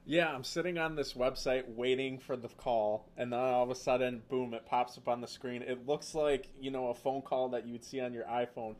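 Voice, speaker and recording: A man from Wisconsin with a Wisconsin accent, co-hosting a casual podcast and telling stories in a relaxed way with filler words. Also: mid-range voice, normal speed, few pauses. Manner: easygoing, storytelling with filler words. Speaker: podcast co-host.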